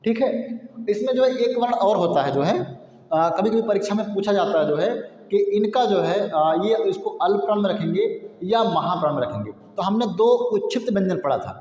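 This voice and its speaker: Expressive and moderately paced, this man's high, slightly mellow voice comes through muffled and heavily reverberant. He's a Hindi teacher patiently walking through a grammar lesson, asking and answering his own questions, repeating explanations, and demonstrating sounds syllable by syllable.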